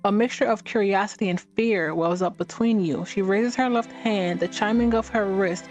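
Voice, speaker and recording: A woman reading a fantasy game's text aloud during a let's play, with halting restarts and short reactions of her own. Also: mid-range voice, darkish tone, soft background music.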